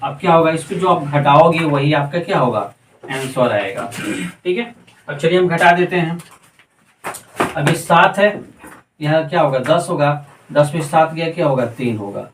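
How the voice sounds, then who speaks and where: A man's voice: fairly high pitch, lively intonation, moderate pace, long pauses, fairly bright tone, reverberant, distant mic, slight background noise, rough recording. A man teaching a math lesson step by step, counting aloud and answering his own questions as he works.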